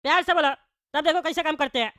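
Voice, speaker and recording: A woman's voice: high-pitched, fast, a bit bright, no echo, clean studio sound. A woman voicing a rude, short-tempered male politician who threatens other passengers on a plane. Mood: huffy. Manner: blustering, threatening. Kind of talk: comic cartoon voice acting.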